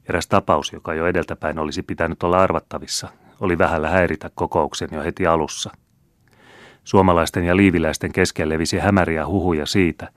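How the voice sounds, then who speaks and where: A man reading a classic novel aloud as an audiobook narrator, in a measured, even storytelling manner. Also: low voice, dry recording, studio quality. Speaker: audiobook reader.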